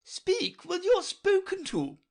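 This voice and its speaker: A woman voicing a stern, bossy queen who scolds sharply and loudly. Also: high-pitched, very animated, takes it slowly, pitched above the performer's own voice, full character voice. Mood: imperious scolding.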